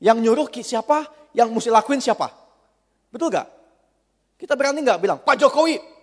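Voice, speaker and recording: A man preaches in a big church hall, his voice high and full of lively swings. He is animated and sometimes acts out characters mid-sermon. The sound rings with a long hall reverb. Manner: animated preaching, acts out a whining child and a patient father. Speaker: pastor.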